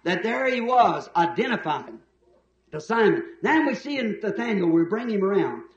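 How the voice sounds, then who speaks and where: A man's voice: high voice, very animated, measured pace, muffled recording. Emphatic preaching man in an echoey room. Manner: emphatic, folksy storytelling preacher. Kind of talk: preached sermon.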